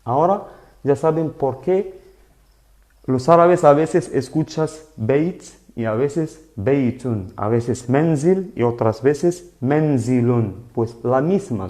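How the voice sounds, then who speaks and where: A man teaching a live online lesson in Spanish, explaining slowly and patiently and often checking that his students follow. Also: medium pitch, expressive, dark tone. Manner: slow, patient explaining with frequent "¿vale?" checks. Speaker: Arabic teacher.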